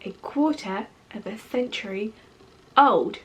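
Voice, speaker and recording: A woman's voice: mid-range voice, slow pace, fairly bright tone. A woman in her twenties with a British accent, chatting casually to camera as a vlogger, rambling and full of fillers. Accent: British English. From Portugal. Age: 20s.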